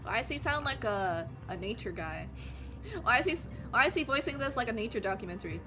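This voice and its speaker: A woman's voice: a little high, lively intonation, fast, music in the background. A woman streamer in a cute anime style, reacting casually and teasingly to videos as she chats. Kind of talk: casual livestream reaction chat.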